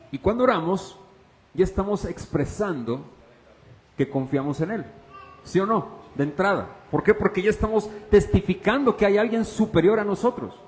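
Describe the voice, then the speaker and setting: Male pastor, sermon, higher voice, long church reverb. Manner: questions the congregation, swings from loud to hushed.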